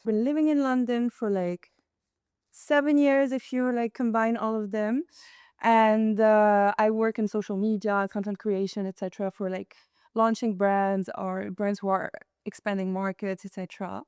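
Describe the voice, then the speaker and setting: A woman's voice: mid-range voice, little pitch movement, moderate pace, a little mellow, clear, resonant tone, dry recording, clean studio sound. A woman in her twenties from Morocco, chatting casually as a guest, laughing often and filling with "like". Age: 20s. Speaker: guest, event co-founder. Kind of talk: casual chat.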